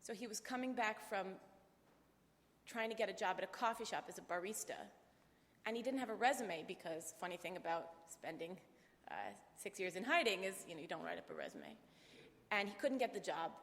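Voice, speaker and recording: A woman's voice: mid-range voice, expressive, a little fast, a bit bright. A woman eulogizes her father in a memorial chapel, sharing anecdotes and slipping into the quoted words of the people in them. Her voice sits in an ordinary middle range. The long reverb of the hall trails after every phrase. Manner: storytelling, acting out quoted dialogue. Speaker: eulogist, daughter of the deceased.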